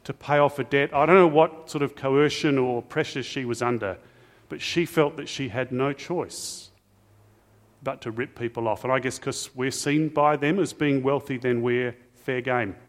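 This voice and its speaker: A man's voice: medium pitch, normal speed. A middle-aged man, preaching a sermon as pastor in a chatty storytelling way with asides to the congregation. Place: church. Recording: reverberant church hall.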